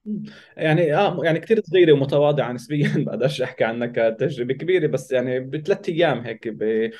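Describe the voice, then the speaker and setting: A man's voice: mid-range voice, lively intonation, rapid-fire, a little mellow. A man with a Palestinian Levantine Arabic accent, telling a personal story casually as an interview guest. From Palestinian from Israel.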